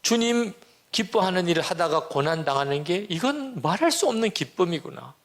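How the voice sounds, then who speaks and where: A man's voice: high voice, big pitch swings, normal speed. A man in his sixties, a pastor, giving an earnest sermon testimony and acting out the prayers and talk he quotes. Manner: earnest storytelling, acts out quoted prayers and dialogue.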